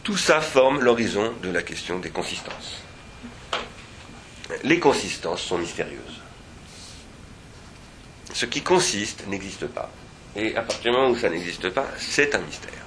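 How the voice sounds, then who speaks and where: At an academic seminar, a man with a deep voice that carries a bright, forceful edge talks through ideas in a digressive, reflective way. His speech is sing-song and a little slow, with long pauses, frequent hesitations and restarted phrases, and faint ambient noise fills the seminar room.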